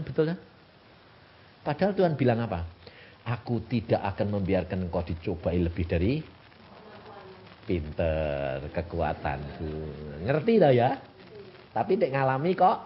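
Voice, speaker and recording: Animated elderly Javanese-accented preacher. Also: male voice, on the high side, slight background noise. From Central Java, Indonesia. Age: 80s. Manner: animated, asks the congregation rhetorical questions. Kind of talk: sermon. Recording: dull lo-fi recording.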